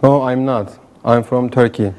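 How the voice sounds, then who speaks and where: Woman voicing a deep male student, mellow tone, brief textbook replies. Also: steady tone, unhurried. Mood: plain. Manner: short, simple classroom answers. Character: adult male student from Turkey.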